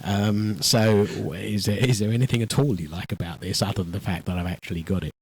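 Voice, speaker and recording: A man's voice: on the low side, fairly quick, a little mellow, husky. A man hosting a local radio show, chatty and joking, often repeating his words. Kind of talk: casual radio chat. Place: radio studio.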